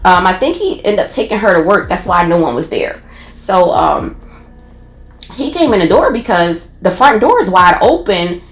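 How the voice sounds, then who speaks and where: A woman from Philadelphia with a Philadelphia accent, telling a personal story in a casual, animated way, with many restarts. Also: lowish voice, moderate pace, reverberant.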